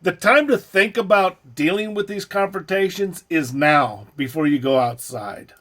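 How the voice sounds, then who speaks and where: A male host talks over a clip he is reacting to, blunt and scornful as he lectures his viewers. His voice sits somewhat high for a man. He sounds plain and steady. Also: measured pace. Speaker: host commenting on a video clip.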